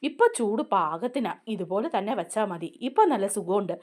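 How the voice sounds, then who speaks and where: A woman's voice: mid-range voice, expressive, fairly quick, darkish tone, close to an everyday voice. A woman voicing an injured but easygoing young man who keeps reassuring his family.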